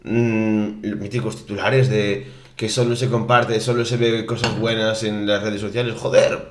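With a fairly low, flat voice at a moderate pace, a young Spanish podcast co-host chats casually. He rambles, restarts often and says "tío"; the roomy, echoey recording carries a little hiss or hum.

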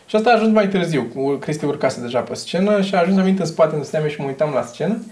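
A man's voice: a little high, expressive, a little mellow. A man hosting a podcast, telling stories in casual banter. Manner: chatty storyteller, quick back-and-forth. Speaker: podcast host. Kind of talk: casual chat.

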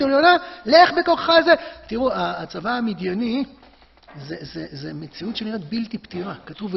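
High, gravelly man teaching with passion. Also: slight background noise. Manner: impassioned, emphatic, rising to forceful peaks. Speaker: Torah teacher. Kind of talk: Torah lesson to a class. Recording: dull lo-fi sound with long hall reverb.

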